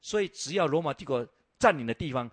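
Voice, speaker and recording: Husky-voiced man telling lively stories. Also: a little high, fast, dry recording. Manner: lively storytelling with rhetorical questions; frequent filler "ah". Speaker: Bible lands lecturer. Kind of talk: lecture over slides.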